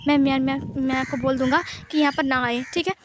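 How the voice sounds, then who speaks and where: Woman doing a gentle young male writer, high voice, stammering and soothing, storybook reading. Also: steady tone, brisk, lightly acted. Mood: pleading. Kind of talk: storytelling voice acting.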